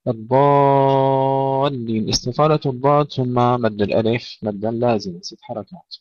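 A man teaching tajweed, calmly explaining the rules and reciting verse examples slowly and drawn out. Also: mid-range voice, dry recording, lo-fi sound.

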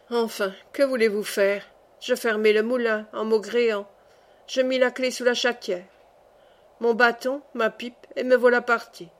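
A woman reads a classic tale aloud as an audiobook narrator. Her delivery is calm and measured, with a voice pitched a little high. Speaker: audiobook reader. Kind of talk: scripted narration.

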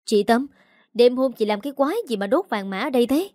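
Woman doing a sharp-tongued young in-law, fast and accusing, storybook reading. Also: fairly high pitch, dry recording, studio quality, natural voice.

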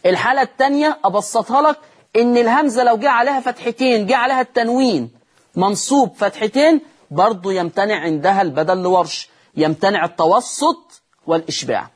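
A man's voice: very high-pitched, fast. A man with an Egyptian accent teaching Quran recitation rules on a TV lesson, repeating key terms and answering his own questions. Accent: Egyptian Arabic.

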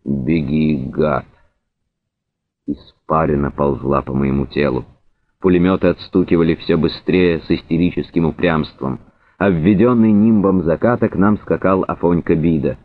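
A man reading literary narration aloud in a measured, even way. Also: deep voice. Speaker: audiobook reader. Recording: narrow phone-like sound.

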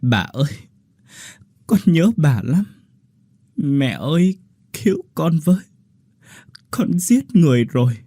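A man's voice: on the high side, big pitch swings, slow, pauses often, dark tone, no room sound, clean studio sound, pitched above the performer's own voice, heavily acted. A man voicing a frightened young woman prisoner pleading through tears in a horror story. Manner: pleading, tearful.

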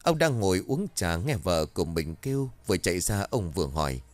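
A man narrating a scripted village ghost story in an expressive storytelling manner. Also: deep voice, brisk, dry recording.

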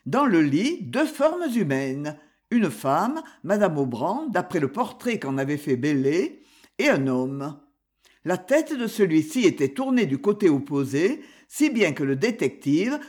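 A narrator reading an old detective novel aloud for an audiobook. The delivery is slow and measured, with a lively, expressive pitch that keeps the suspense going.

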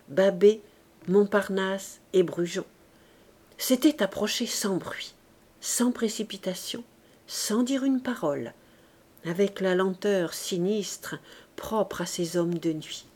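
A woman reads a classic novel aloud as an audiobook, measured and expressive, in a medium-pitched voice.

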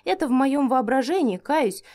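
A woman narrating a first-person fantasy audiobook in a steady storytelling reading. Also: high-pitched, moderate pace.

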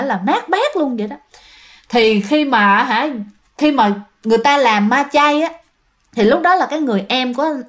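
A woman telling ghost stories in a casual, chatty way, often turning to speak to her listeners. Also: fairly high pitch. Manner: chatty, addresses listeners directly, many fillers. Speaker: ghost story narrator. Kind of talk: casual spoken storytelling.

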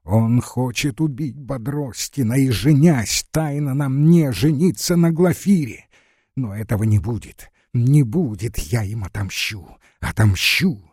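A man gives voice to a tormented young woman full of bitterness and revenge. The delivery is slow and husky, anguished at first and then furious. The sound is dry and close. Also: mid-range voice, mellow, no echo. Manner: anguished, rising to furious outbursts. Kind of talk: audiobook reading.

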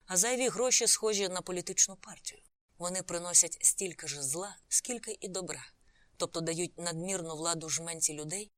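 A woman's voice: on the low side, no room sound. A woman narrating a novel as an audiobook, reading the characters' lines in her own voice.

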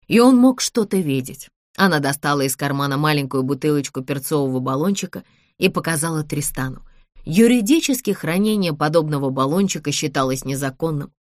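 A woman reading a thriller audiobook in a steady, measured way. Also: low-pitched, no echo, studio quality. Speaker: audiobook narrator. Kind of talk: scripted thriller narration.

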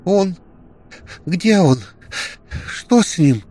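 A man's voice: very animated, measured pace, heavily acted. A man voicing a frantic young woman who screams and sobs in desperation. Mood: sobbing. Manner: shrill, desperate shouting.

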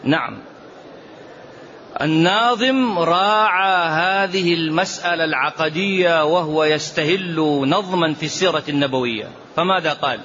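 A man's voice: on the high side, moderate pace, bright, forceful tone. A man giving a religious lesson, emphatic, repeating phrases and drawing out quoted verses. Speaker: sheikh teaching a lesson. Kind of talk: religious lesson explaining a poem. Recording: dull lo-fi lecture recording with faint ambience.

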